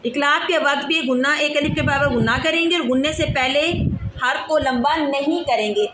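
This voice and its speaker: A woman's voice: high voice, brisk. A woman from Pakistan teaching a one-on-one tajweed lesson, patiently asking questions and stretching out syllables to demonstrate. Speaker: Quran recitation teacher. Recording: echoey room with clear background noise.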